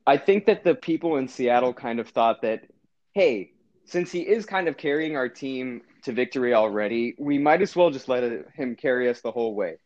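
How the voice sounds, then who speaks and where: A man's voice: mid-range voice, normal speed. Guy on a sports podcast, rambling and restarting a lot, kinda dull lo-fi sound. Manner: rambling, self-correcting, animated. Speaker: podcast co-host. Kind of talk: casual sports podcast chat.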